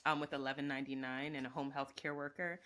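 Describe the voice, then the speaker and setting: A woman in her thirties, from Jamaica, answering interview questions reflectively with many pauses. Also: rumbling low, fairly even intonation, fairly bright tone. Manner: reflective, speaks in lists with many ums. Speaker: guest, professor and organizer. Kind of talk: conversational interview.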